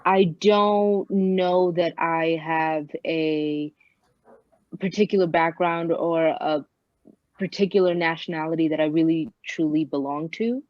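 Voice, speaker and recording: A woman's voice: sits low, fairly even intonation, a little slow, dry recording, dull audio. A young woman from Bangladesh who grew up in New York City, a guest talking thoughtfully, with frequent hesitations. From Bangladesh, raised in New York City. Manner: reflective, hesitant with many fillers. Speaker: guest, actress. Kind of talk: podcast interview.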